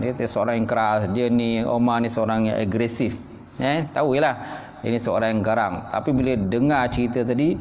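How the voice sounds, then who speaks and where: Malaysian preacher retelling a story. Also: male voice, mid-range voice, a little mellow, a little hiss or hum. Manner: reads a passage, then retells it in casual speech with frequent "ha"; addresses the audience as "tuan-tuan". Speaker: religious teacher. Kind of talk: evening mosque lecture on a classical text. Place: small neighbourhood prayer hall. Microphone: live-streamed lecture mic.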